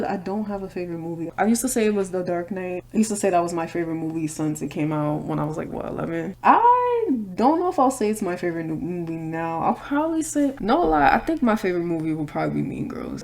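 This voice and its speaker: Her voice is low and a little mellow, with vocal fry. She is a Brooklyn vlogger in her 20s doing her makeup on camera, chatting candidly and tossing in slangy asides.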